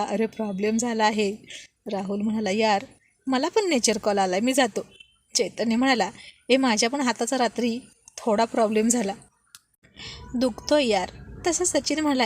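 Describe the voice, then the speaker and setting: A woman narrating a romantic story and voicing its dialogue with lively emphasis. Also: a little high. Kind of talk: scripted story narration with character voices.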